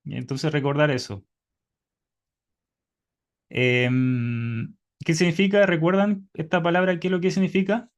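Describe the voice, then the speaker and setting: A man's voice: fairly high pitch, fairly even intonation, a little slow, pauses often, lo-fi sound. A man teaching Hebrew in an online class by video call, patiently quizzing his students.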